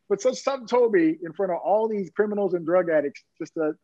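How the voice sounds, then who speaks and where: A middle-aged police officer telling personal stories in an interview, earnest and plain-spoken, often chuckling. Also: male voice, sits high, expressive, fast talker, mellow, dry recording, dull audio.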